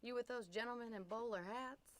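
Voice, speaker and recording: A woman voicing a spirited young ranch woman in a video game, talking in a brisk, friendly, teasing way. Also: a little high, crowd noise, natural voice.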